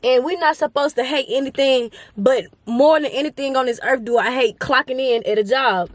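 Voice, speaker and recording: A young woman, her voice pitched high. She speaks earnestly and with feeling, calling her viewers y'all. The sound is close and dry, with no room echo. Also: normal speed. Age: 20s. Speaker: vlogger. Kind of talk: casual motivational talk to camera.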